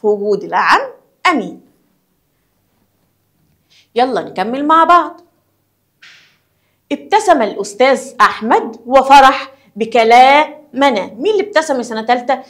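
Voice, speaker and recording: A woman's voice: sits high, expressive, moderate pace, pauses often. A woman with an Egyptian accent explaining a school lesson to young children, asking questions and answering them herself. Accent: Egyptian Arabic. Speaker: primary school teacher.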